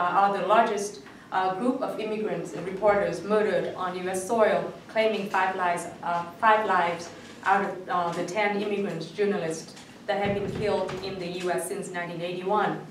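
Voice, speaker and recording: A woman's voice: mid-range voice, fairly even intonation, moderate pace, slight background noise. A young woman from Vietnam giving a conference talk, hesitant, with many fillers. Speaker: conference speaker. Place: conference hall. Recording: echoey hall, speaker far from mic.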